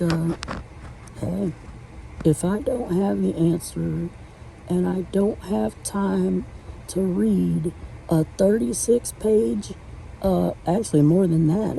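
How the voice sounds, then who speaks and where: Slow, gravelly woman in her late forties. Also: fairly low pitch, warm tone, slight background noise, poor audio. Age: 40s. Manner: halting, rambling, many restarts and fillers. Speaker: vlogger. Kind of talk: casual rambling monologue. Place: at home, sitting on her bed.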